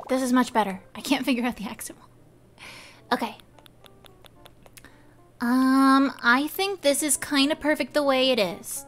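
A woman's voice: high-pitched, fairly bright tone. A young woman streaming a game, chatting casually with her viewers, giggling often. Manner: giggly, chatty, talks to chat. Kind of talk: casual live game commentary.

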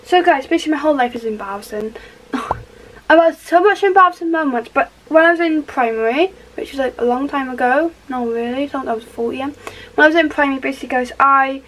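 Welsh teen girl vlogger, high bright voice, loose upbeat bedroom chatter. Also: fast, a little hiss or hum, poor audio. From Wales. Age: teens. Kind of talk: casual get-ready-with-me chat. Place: small bedroom indoors.

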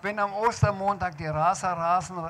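A man voicing a cheeky, childlike male creature who answers in quick rhymes. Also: high-pitched, steady tone, a bit bright, slight background noise, voice pushed up. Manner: pert, rhyming quips.

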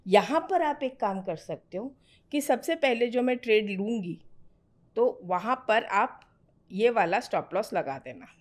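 A woman's voice: fairly high pitch, lively intonation, measured pace. A middle-aged woman mentoring a student on trading in a direct, firm conversational way, slipping English phrases into her talk. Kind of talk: conversational teaching.

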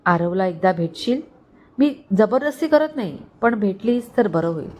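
A woman's voice: medium pitch, expressive, moderate pace, darkish tone, close to an everyday voice. A woman voicing a kindly older male family servant who speaks tenderly and pleads with a fatherly tone. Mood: anxious.

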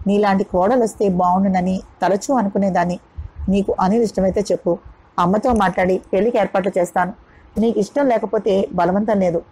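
A woman voicing a kind middle-aged mother gently proposing a marriage match for her son, in a husky, persuasive voice. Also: mid-range voice, fairly even intonation, brisk, close to an everyday voice, poor audio. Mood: coaxing.

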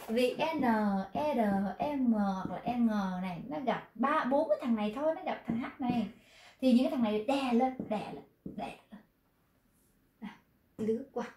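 A woman's voice: fairly high pitch, a little mellow. A woman teaching a pronunciation lesson, patiently explaining step by step and repeating her examples. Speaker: Korean language teacher. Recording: roomy echo.

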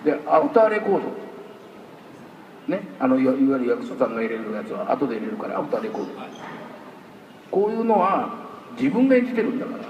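A man's voice: fast, long pauses, highs cut off. A man talking casually on stage at a live talk event, telling stories in a chatty way. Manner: chatty, storytelling, lively pitch swings. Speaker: voice actor guest at a talk show. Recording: echoey hall, far from the mic, faint hiss.

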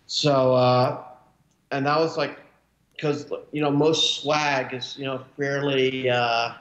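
A man's voice: mid-range voice, flat delivery, slow pace, fairly bright tone. A man in his forties, a guest speaking casually over a webcam call from a room at home, rambling with many restarts and fillers. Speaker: cartoonist guest. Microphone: webcam video call. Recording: roomy, dull video-call audio.

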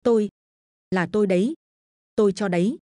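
A woman's voice: mid-range voice, moderate pace, warm tone, dry recording, lightly acted. A crude, greedy village man sneers and mocks his old mother, as a woman storyteller puts him on. The voice is dry and close to the mic. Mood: sneering. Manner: sneering, mocking.

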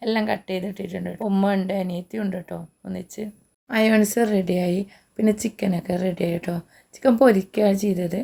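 A woman's voice: medium pitch, creaky, mellow, husky. A woman, short of breath, chatting homely through a casual cooking vlog. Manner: chatty, homely, frequent tag particles. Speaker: cooking vlogger.

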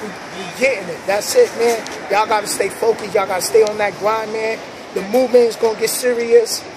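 Man, New York accent, thirties, fairly high voice, hyped street slang, phone selfie video, loud train noise. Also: steady tone, fairly quick. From New York City (Bronx). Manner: upbeat hype talk with street slang. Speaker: vlogger host. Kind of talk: casual street vlog chat. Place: city sidewalk at night under an elevated train. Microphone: phone camera at arm's length.

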